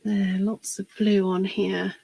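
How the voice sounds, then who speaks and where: Slow, chatty woman demonstrating crafts. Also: medium pitch, level tone, gravelly, mellow, breathy edge, dry recording, rough recording. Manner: chatty and unhurried, talks while working. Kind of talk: live crafting demo, chatting to viewers.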